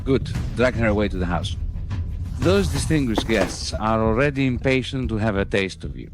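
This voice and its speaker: A man's voice: fairly low pitch, lively intonation, normal speed, over music, lightly acted. An actor playing a callous, greedy, menacing brothel henchman in a dubbed costume drama. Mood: menacing, bossy.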